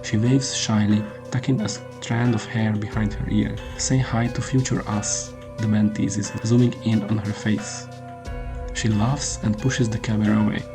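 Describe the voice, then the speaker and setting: Low-pitched man narrating horror over music. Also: flat delivery, normal speed. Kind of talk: scripted first-person horror narration. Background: prominent music under the voice.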